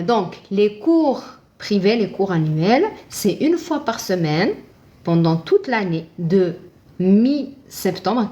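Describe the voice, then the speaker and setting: A woman's voice: mid-range voice, darkish tone. A woman teaching Arabic in a casual live-stream, chatting with viewers and answering her own questions.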